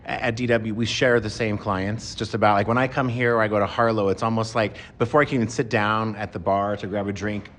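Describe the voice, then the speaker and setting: A man's voice: on the low side, steady tone, brisk, hardly any pauses, a bit bright, slight background noise. A man being interviewed about returning to the restaurant business, answering in a rambling, friendly way. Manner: rambling, friendly, self-correcting. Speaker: guest, restaurateur.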